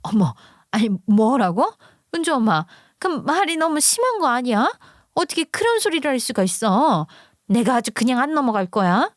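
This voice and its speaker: A woman's voice: fairly high pitch, sing-song, moderate pace, dry recording, clean studio sound, voice pushed up. A woman voicing a dismissive, snippy middle-aged mother who scoffs and gets defensive. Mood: shocked. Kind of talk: storytelling acting.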